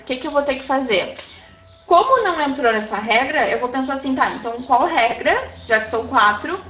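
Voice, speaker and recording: A woman's voice: high-pitched, a bit bright, slight background noise. A Brazilian woman teaching a Spanish class, explaining patiently and often checking in with her students. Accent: Brazilian Portuguese. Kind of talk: recorded class lesson. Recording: echoey room, dull lo-fi sound.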